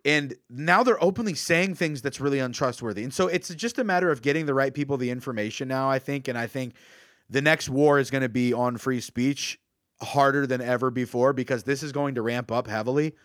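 A young man co-hosting a casual podcast chat, talking in an animated way, acting out quoted voices and laughing often. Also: medium pitch, a little fast, dry recording, clean studio sound. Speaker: podcast co-host.

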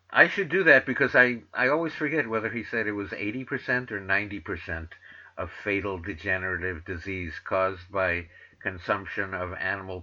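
A man's voice: low-pitched, bright, forceful tone. A middle-aged man from New York with a New York accent, hosting his own radio talk show in a rambling, sardonic monologue full of filler uhs. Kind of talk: casual monologue. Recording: dull lo-fi sound.

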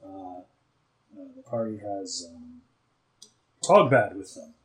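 A man's voice: low voice, slow. A man running a tabletop game as game master over a video call, hesitant with many ums and restarts.

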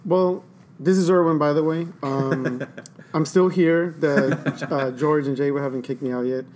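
A man's voice: a little high, fairly even intonation, unhurried, a little mellow. A man joining a casual podcast chat, hesitant and self-deprecating with many ums. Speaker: podcast guest.

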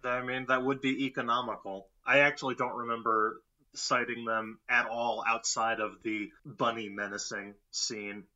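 A man co-hosting a horror film podcast in casual chat, wry and quick to laugh. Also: mid-range voice, flat delivery, bright, forceful tone, muffled recording. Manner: wry, laughs often, puts on mock voices. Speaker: podcast co-host.

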